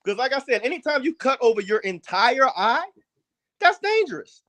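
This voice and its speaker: A man's voice: very high-pitched, very animated, normal speed, pushed and bright. A man co-hosting a casual boxing podcast, arguing his points firmly and emphatically. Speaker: podcast co-host.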